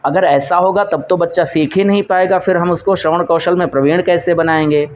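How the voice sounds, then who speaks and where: A man's voice: sits high, fairly even intonation, a little fast, slight background noise. A male teacher going through exam quiz questions, posing each question and answering it himself while repeating the key points.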